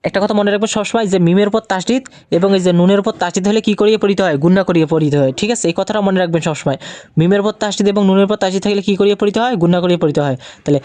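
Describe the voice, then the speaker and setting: A man teaching Quran reading, patiently asking questions and answering them himself, and slowing to a drawn-out chant when he recites verses. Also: high-pitched, a little mellow, no echo. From Bangladesh. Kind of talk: recorded Quran recitation lesson.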